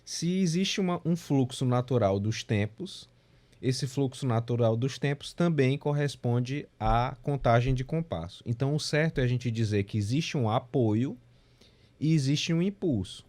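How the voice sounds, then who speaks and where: A man's voice: medium pitch, lively intonation, measured pace, darkish tone. A man teaching a remote music theory class, explaining patiently and counting beats aloud, with frequent tag questions. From Brazil. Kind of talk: remote lecture. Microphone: remote class recording.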